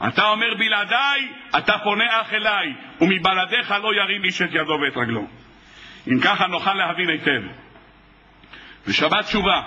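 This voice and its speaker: A man delivers a sermon as a rabbi, with a high, very bright and cutting voice. He preaches with passion and acts out the conversations he quotes, as if the speakers were in front of him. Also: poor audio. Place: synagogue or hall.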